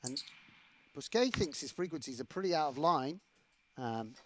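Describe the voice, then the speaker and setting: Man, poker play-by-play commentator, slightly high voice, lively delivery. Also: normal speed, a little hiss or hum. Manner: lively, builds excitement on big moments.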